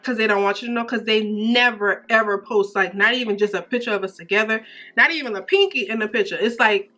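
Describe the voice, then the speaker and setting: A young woman in casual girl-talk, speaking in an animated, emphatic, slangy way. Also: mid-range voice, fast.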